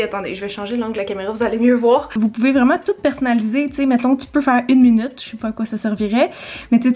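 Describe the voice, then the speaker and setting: Chatty Québécois woman vlogger, higher voice. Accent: Québécois French. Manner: chatty, rambling, self-deprecating with frequent laughs. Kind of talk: casual vlog chat to camera. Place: her home studio, indoors.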